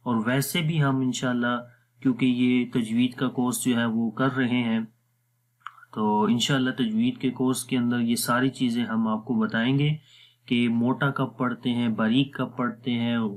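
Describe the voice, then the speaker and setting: A man with a Pakistani Urdu accent teaching Quran recitation rules in a patient, explanatory lesson, drawing out words slowly to demonstrate them. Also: medium pitch.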